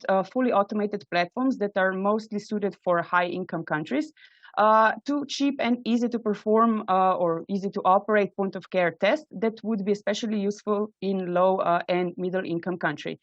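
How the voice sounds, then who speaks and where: A woman presents to an online audience, earnest and full of halting "uh" fillers. Her voice sits at a middle pitch. The sound is dull and dry, like a computer mic on a video call. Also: no room sound. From Slovenia. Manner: earnest, many hesitant "uh" fillers. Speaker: invited speaker, microbiology trainee. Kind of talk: webinar presentation. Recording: dull, dry webinar audio.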